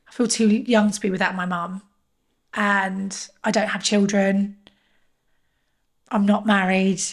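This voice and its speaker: A woman in her thirties, a podcast guest telling a personal story in an earnest, emotional way, often halting and restarting. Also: medium pitch, flat delivery.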